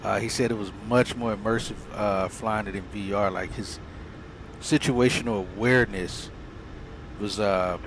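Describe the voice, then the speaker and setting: A man with a lowish voice talks in a laid-back, slangy manner, mixing casual chat with cockpit commentary. Clear cabin and engine noise runs behind him. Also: fairly even intonation, normal speed. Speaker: flight simulator streamer playing pilot.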